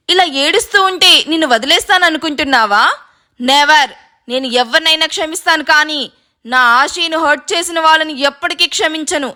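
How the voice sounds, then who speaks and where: A woman's voice: high voice, bright, forceful tone. Woman voicing a menacing furious rich man. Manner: menacing, commanding.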